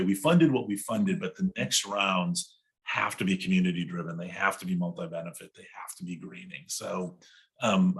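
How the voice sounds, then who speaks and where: A man's voice: sits low, fairly bright tone. A man on a panel talking in a conversational, opinionated way, full of "you know" fillers. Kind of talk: panel discussion on a video call.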